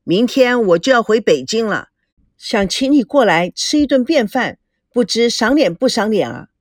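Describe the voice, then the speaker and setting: A woman's voice: fairly high pitch, sing-song, moderate pace, dry recording, studio quality. A woman voicing a polite, jovial middle-aged businessman. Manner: polite, then grumbling.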